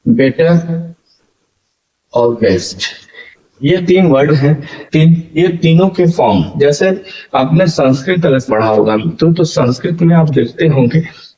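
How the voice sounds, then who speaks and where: A man teaching a grammar lesson, explaining slowly and calling his listeners friends. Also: a little high, warm tone, dull audio.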